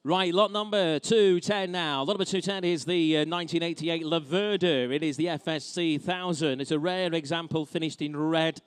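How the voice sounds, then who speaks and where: Male auctioneer, British accent. Slightly high register, dry sound, brisk repeated bid calls, chatty with the room. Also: clear, resonant tone, dry recording. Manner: brisk, informal banter with bidders. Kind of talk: live auction calling, repeated bid chants. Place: auction saleroom with live bidders.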